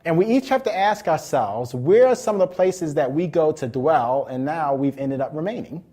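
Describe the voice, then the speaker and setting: A man preaching a Bible lesson. His voice sits a little high, and he draws key words out slowly for emphasis. He often repeats and restarts his phrases as he teaches. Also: animated, warm tone. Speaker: pastor. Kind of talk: sermon teaching.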